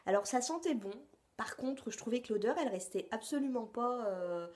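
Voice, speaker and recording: A woman's voice: on the high side, animated, normal speed, darkish tone. Chatty, hesitant woman beauty vlogger. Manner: hesitant, frequent filler sounds and restarts; chatty, addresses viewers directly. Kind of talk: casual product review vlog.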